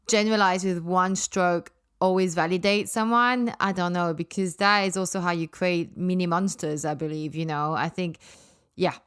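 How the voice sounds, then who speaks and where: A woman's voice: fairly low pitch, clean tone. A woman hosting a podcast, talking frankly and casually with lots of fillers and asides. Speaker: podcast host. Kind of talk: casual solo podcast chat.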